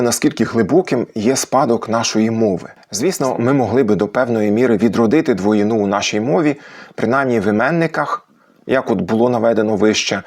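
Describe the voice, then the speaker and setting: Gravelly, husky man explaining grammar. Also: medium pitch, darkish tone. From Ukraine. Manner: explains patiently, slows to stress example words. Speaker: language channel host. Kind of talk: educational talk on language history.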